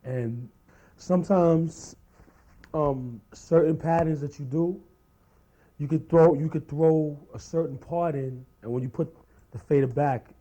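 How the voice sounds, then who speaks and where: Working the turntables, a man demonstrates a beat-juggling routine and casually explains each step in a tutorial. His voice is fairly high with a dark tone and measured pace, record scratching and music play behind him, and the recording is low quality.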